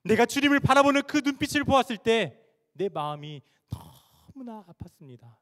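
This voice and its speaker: A man acting out a desperate disciple who loudly swears he never knew his teacher. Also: very high voice, sing-song, normal speed, pitched above the performer's own voice, heavily acted. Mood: anguished. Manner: loud and vehement. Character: Peter, man cursing his denial.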